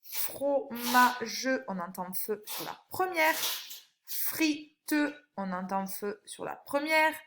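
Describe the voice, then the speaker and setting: A woman, a primary school teacher, giving a recorded phonics lesson for young children, with slow, clear and encouraging instructions. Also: medium pitch, lively intonation, a bit bright, a little hiss or hum. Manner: stretches out single words when reading them aloud.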